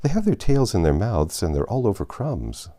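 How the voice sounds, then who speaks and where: A man acts out a timid storybook girl with a raised, lilting voice. The delivery is polite and careful, with childlike curiosity and lively swings in pitch. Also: normal speed. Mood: thoughtful, polite. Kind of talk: storybook character reading.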